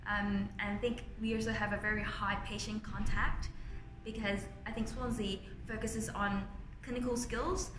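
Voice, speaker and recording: A Thai woman in her twenties, a medical student, answers interview questions in English with a Thai accent, her medium-pitched voice flat and moderately paced over music. She is earnest and plain-spoken, with slightly non-native grammar. She's indoors beside large windows in a university building, and the recording has a roomy echo with clear ambient noise.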